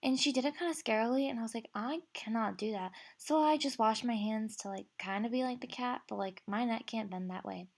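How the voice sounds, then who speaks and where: Brief: woman in her twenties, comedic vlog voice-over, playful and mock-serious, a little high-pitched. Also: brisk, few pauses. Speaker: vlogger. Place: home.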